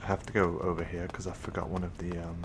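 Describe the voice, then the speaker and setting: A man's voice: sits low, completely flat delivery, fast, background noise. A man with an English accent commenting casually while streaming a speedrun, rambling with fillers and restarts.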